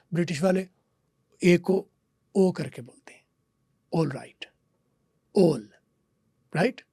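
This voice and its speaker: A man's voice: on the high side, creaky, a little mellow, husky, no echo, clean studio sound. A man, a teacher guest on a podcast, lecturing and repeating example words. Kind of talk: podcast interview, explaining.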